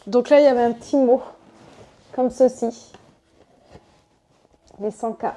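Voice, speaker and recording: A young woman vlogging spontaneously at home, chatty and excited as she talks to her viewers. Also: on the high side, unhurried, slight background noise. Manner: chatty, excited, addresses viewers as "les gars". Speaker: online business vlogger. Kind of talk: spontaneous unboxing vlog. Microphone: desk microphone.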